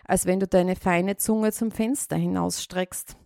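A woman's voice: lowish voice, steady tone, a little slow, creaky, dark tone, dry recording, studio quality. A woman voicing a sly, greedy female cat in a storybook reading, with a smug, honeyed manner.

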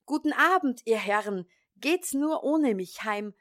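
A woman's voice: a little high, animated, unhurried, pitched above the performer's own voice. A woman voicing a tiny, cheeky thumb-sized boy in a storybook reading, pert and teasing. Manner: pert, teasing, loud shouting.

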